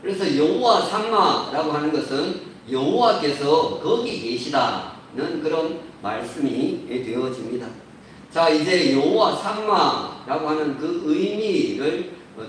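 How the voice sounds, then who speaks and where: A man preaching a sermon as a pastor, measured and building to emphatic points, recorded in a church sanctuary. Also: a little high, slight background noise. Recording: roomy echo, distant mic.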